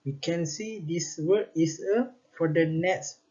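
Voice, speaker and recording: A young man with a Malaysian accent explaining pictures in a class presentation, hesitant with many filler pauses. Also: a little high, a little mellow. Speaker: student presenter. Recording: dull lo-fi sound.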